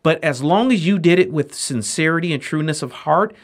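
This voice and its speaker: A man's voice: a little high, animated, a little fast. A man co-hosting a podcast, giving earnest advice in a casual way with a touch of humor. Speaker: podcast co-host.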